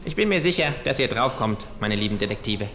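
A man voicing a cheeky, quick-witted male kangaroo in a live comedic reading, teasing and mock-formal. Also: lowish voice, animated, voice pushed up. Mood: smug teasing.

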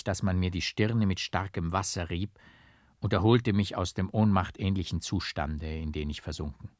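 A man reading a classic novel aloud as an audiobook, in a slow, hushed, brooding dramatic manner. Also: fairly low pitch, no room sound, studio quality. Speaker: audiobook narrator.

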